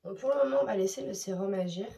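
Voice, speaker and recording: A woman's voice: mid-range voice, fast talker, creaky, dark tone, husky. A young woman vlogging from her bedroom about her skincare routine, chatty, frank and self-mocking, sometimes dropping into a whisper. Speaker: beauty vlogger. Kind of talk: casual vlog chat to camera. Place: bedroom at night. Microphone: handheld phone camera without tripod.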